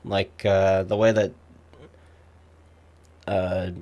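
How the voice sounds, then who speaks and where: A young man chatting casually, rambling with many fillers and pauses. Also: low voice, level tone, warm tone, muffled recording. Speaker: streamer. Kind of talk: casual chat.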